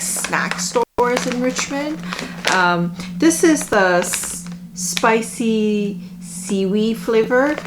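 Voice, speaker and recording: Casual lady doing a food review vlog, mid pitch, says like a lot, noisy recording. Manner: halting, filler-heavy, frequent "like". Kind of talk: casual taste-test chat.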